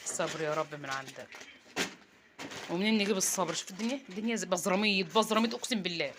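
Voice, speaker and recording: A woman in her thirties with an Egyptian accent, chatting to viewers in a casual home vlog as she cooks and tidies her apartment. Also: lowish voice. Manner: rapid, chatty, addresses viewers directly. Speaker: home vlogger, mother. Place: small apartment indoors. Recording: noisy home phone recording.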